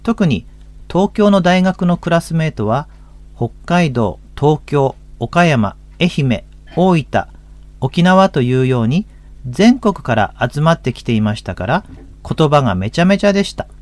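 A man's voice: a little high, big pitch swings, unhurried, a little mellow, no room sound. A man in his fifties with a Tohoku accent, a pastor hosting a religious radio talk in a folksy, chatty way. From Akita, Japan. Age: 50s.

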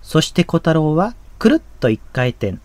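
抑揚豊かに語る男性ホスト. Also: male voice, a little high, sing-song, moderate pace, a little mellow, no room sound. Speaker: radio program host, pastor.

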